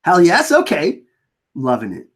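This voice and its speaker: A person with a French Canadian accent hosting a casual livestream, chatting informally and reading out viewer comments, often halting and repeating words. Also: mid-range voice, huge pitch swings. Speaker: livestream host.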